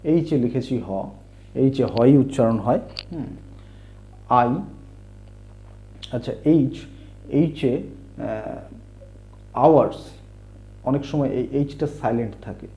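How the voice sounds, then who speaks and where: Male teacher, patient spelling drill, very slow delivery, muffled lo-fi sound. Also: mid-range voice. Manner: spells out letters and repeats words patiently. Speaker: English teacher. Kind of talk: slow explanatory lesson. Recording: dull lo-fi recording.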